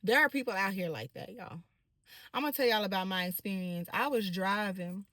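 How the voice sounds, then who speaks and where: Animated bright-voiced woman telling a story. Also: medium pitch, a little fast, no echo, clean studio sound. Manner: animated, direct address to the audience. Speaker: vlogger telling a personal story. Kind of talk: casual storytime monologue to viewers.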